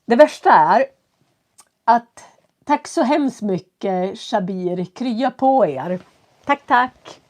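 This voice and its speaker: A woman with a stuffy nose and a cough, teaching from home and talking slowly and clearly for learners as she greets viewers on a live stream. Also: on the high side, expressive, a little mellow. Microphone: computer setup.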